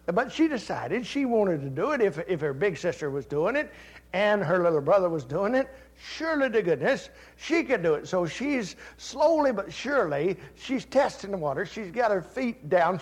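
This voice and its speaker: An older man preaching a sermon, telling folksy family stories and rising to loud, fervent Scripture reading. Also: sits high, breathy edge. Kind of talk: sermon with personal story.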